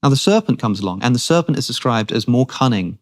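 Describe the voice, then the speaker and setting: A man's voice: mid-range voice, animated, quick pace, darkish tone. A man speaking as a guest in a long-form conversation, thinking aloud earnestly with frequent restarts.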